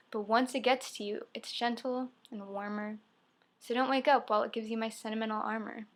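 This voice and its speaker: A young adult woman, a poet, performs a spoken-word piece, reciting expressively in short, emphatic phrases. Her voice is a little high and a bit bright.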